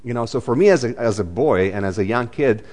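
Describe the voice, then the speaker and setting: A man's voice: medium pitch, animated, quick pace, a little mellow, in a large hall. A man, preaching a sermon in a chatty way, full of fillers and restarts. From Romania. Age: 40s. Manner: conversational, many fillers and restarts. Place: church.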